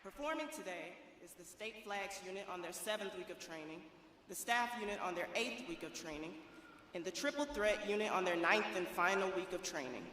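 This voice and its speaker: A woman's voice: mid-range voice, expressive, a little fast, bright, forceful tone. A woman reading a formal scripted announcement as master of ceremonies at a military event. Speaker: master of ceremonies, Navy officer. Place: large indoor drill hall. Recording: very echoey hall, distant, faint noise.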